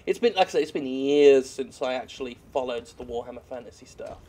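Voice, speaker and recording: A man's voice: mid-range voice, brisk, mellow. A British man giving casual, rambling and self-deprecating gameplay commentary, swearing freely as he plays. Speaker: gamer commentating over gameplay. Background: faint video game action sounds.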